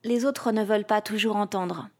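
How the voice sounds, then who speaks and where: A woman's voice: medium pitch, steady tone, normal speed, darkish tone. A woman from France hosting a podcast, reading a scripted, playful commentary in punchy rhythmic lists. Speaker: podcast host. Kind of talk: scripted comic narration.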